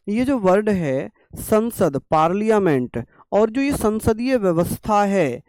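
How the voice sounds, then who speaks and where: A man's voice: high voice, a little mellow, no echo. A young man teaching an exam-prep class through a sore throat, coaxing and scolding students to write notes. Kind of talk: online exam-prep lecture.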